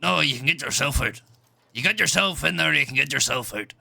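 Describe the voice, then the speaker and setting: A man roleplaying in a game, gruff and impatient, swearing constantly. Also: on the high side, a little fast, pushed and bright. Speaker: roleplay player in a job interview.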